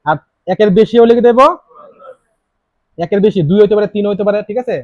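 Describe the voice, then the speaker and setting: A man's voice: high-pitched, a little fast, dry recording. A man teaching a grammar lesson in with a tinge, quizzing his students with many questions and repeating key words. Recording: dry, slightly dull lo-fi sound.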